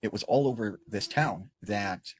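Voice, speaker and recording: A man telling a spooky story in a casual, earnest way, swelling up and then dropping to a hush. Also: fairly low pitch, unhurried, slightly rough.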